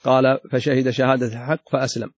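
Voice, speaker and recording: A man's voice: mid-range voice, level tone, fast talker, breathy edge, no echo. A man teaching a lesson, reading a classical text aloud and then restating passages in his own words with added emphasis. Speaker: Islamic scholar teaching a lesson.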